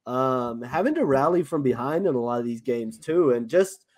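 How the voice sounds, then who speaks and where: A man's voice: medium pitch, animated, moderate pace, a little mellow. A man with a South African accent co-hosting a sports podcast, talking casually with many fillers and restarts. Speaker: podcast co-host.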